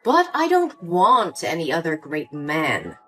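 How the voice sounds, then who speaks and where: A woman's voice: sits low, wildly swooping pitch, slow, bright, forceful tone, heavily acted. A woman voicing a cold, condescending older mother in a story drama, with faint music behind. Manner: cool, condescending.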